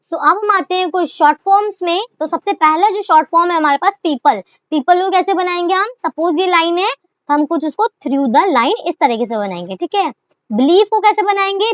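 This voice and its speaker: Woman shorthand tutor, really high voice, dry dull lo-fi recording. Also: fairly bright tone, no room sound. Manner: repeats "ठीक है" and asks rhetorical questions while writing. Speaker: shorthand teacher. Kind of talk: step-by-step tutorial explanation.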